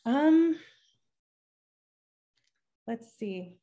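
The sound is phone-quality, and this young woman's high voice comes very slowly. As a podcast guest on a video call from home, in a room with a bookshelf and patterned wall hanging, she uses a studio mic on a boom arm, musing thoughtfully in a relaxed interview, often starting over and gesturing animatedly.

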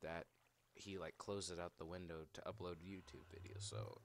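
A man's voice: fairly even intonation, normal speed, a little hiss or hum. A young man casually talking through a building game at home, mumbly and scatterbrained. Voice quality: mumbly, scatterbrained, low-key. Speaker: gamer recording a let's play. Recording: loud game music over voice. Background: loud game music.

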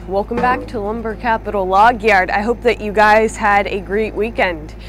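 A young adult woman vlogs from an outdoor sawmill, chatting upbeat and casually straight to her viewers in a medium-pitched voice at a moderate pace. A camera mic a few feet away captures her, with soft music playing in the background.

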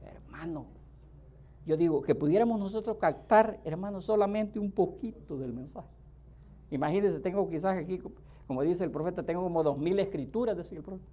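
Male preacher, sermon delivery, mellow tone, emphatic, swings between soft asides and loud bursts. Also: high-pitched, a little fast. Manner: emphatic, keeps calling out to the listeners.

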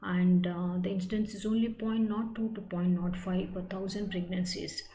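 Female lecturer, middle-aged, measured explanatory delivery; reverberant room, noisy webcam-style sound. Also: medium pitch, steady tone, warm tone. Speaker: medical professor giving a lecture. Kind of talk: online slide lecture. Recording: echoey room with clear background noise.

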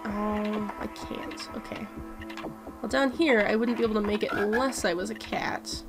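A woman's voice: medium pitch, steady tone, normal speed, loud music behind the voice. A woman giving casual commentary as she plays a video game, chatty, amused and musing aloud. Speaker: let's-play host.

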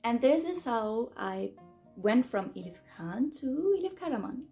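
A woman's voice: on the high side, big pitch swings, moderate pace, gravelly, warm tone, soft background music. A woman in her mid-twenties, raised in Germany, chatting upbeat in a casual Q&A vlog from her bedroom. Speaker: YouTuber answering fan questions. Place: bedroom, indoors.

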